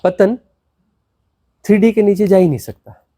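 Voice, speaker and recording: A man's voice: lively intonation, unhurried, warm tone, no room sound, studio quality. A man, a spiritual teacher, gives a satsang discourse, repeating words and asking rhetorical questions. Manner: repetitive, rhetorical questions, dramatic swings of pitch.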